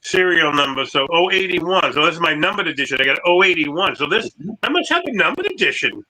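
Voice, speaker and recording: A high, bright male voice comes through a phone mic that clips and distorts on every line, even when he talks quietly. He chats casually as co-host of a collectibles show. He rambles and keeps restarting his sentences. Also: a little fast. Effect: clipping, distorted phone mic. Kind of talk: casual online show chat.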